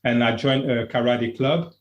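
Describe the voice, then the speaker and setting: A man from Congo, a wellness coach, telling his own story as an interview guest in an earnest, plain-spoken way with halting restarts. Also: medium pitch, steady tone, echoey room.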